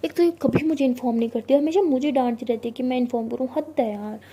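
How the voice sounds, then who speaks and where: A woman's voice: sits high, fast talker, dark tone, husky. Woman doing an anxious, exasperated young office worker. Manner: exasperated, complaining.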